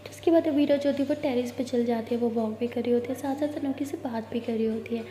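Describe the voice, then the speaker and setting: A woman's voice: fairly high pitch, fast, warm tone, slight background noise. A woman telling a casual love story in a chatty way, voicing both characters herself. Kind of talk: casual Hindi audio story narration. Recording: echoey room with long reverb.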